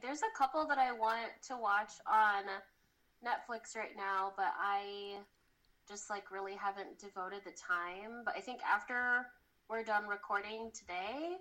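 A young woman co-hosts a casual podcast with a slightly higher-than-usual voice. She is easygoing, laughs a lot, and backs up her friend with quick agreeing replies. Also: sharp tone, rough recording. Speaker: podcast co-host. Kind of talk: casual chat.

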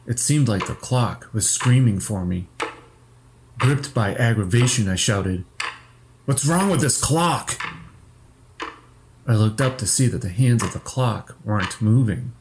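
A man narrating a horror story slowly and steadily for a podcast. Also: on the low side, background noise. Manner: slow, measured storytelling.

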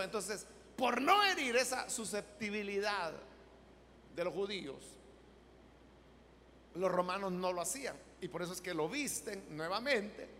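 A male preacher telling a story in a sermon, dramatic and swinging between shouts and quiet asides. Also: high voice, big-room sound, slight background noise.

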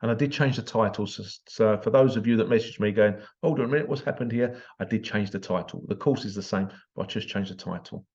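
A man's voice: on the low side, fairly even intonation, fast, hardly any pauses, a little mellow. A British man hosting a solo podcast, telling a story in a blunt, exasperated way. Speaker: podcast host. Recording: slightly dull lo-fi recording.

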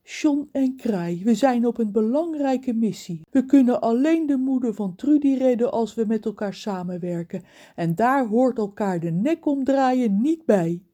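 Brief: woman playing a large good-natured man, gently stern, a little raised in pitch. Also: measured pace. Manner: calm, scolding gently. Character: big kindly fatherly man, the driver. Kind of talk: storybook character voice.

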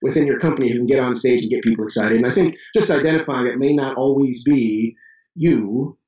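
A man from Chicago with a Chicago accent, a business owner telling stories as a guest in a casual interview, animated and full of restarts. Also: medium pitch, brisk, echoey room, recorded from a distance, lo-fi sound. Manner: animated storyteller, many restarts and fillers.

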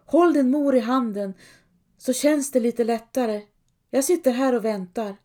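A stern, curt old village priest, as a woman narrator puts him on for a dark storybook tale. His words come out cold and short. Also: a little high, voice pushed up, natural voice.

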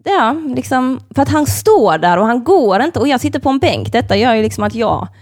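Young woman telling stories on a podcast. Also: fairly high pitch. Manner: animated storyteller, swears freely, acts out other people's lines; heavy use of fillers like "like" and "kind of". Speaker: podcast host. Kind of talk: casual podcast chat.

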